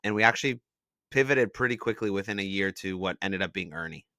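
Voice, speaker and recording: A startup founder from Israel and the San Francisco Bay Area tells his story as a guest in a relaxed interview, explaining things through examples and often saying "like." His voice is low and bright with a forceful edge, and he talks quickly. The recording is dry and close, with no echo.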